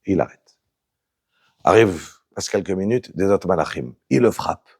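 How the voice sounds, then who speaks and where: A man teaching a Torah lesson to a small group, animated and putting questions to his listeners. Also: low-pitched, moderate pace, breathy edge.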